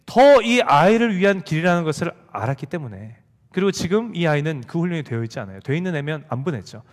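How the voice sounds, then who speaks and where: Animated male pastor preaching. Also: high-pitched. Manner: animated storytelling, acts out quoted dialogue. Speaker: youth group pastor. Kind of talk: sermon. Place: church sanctuary. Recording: long hall reverb.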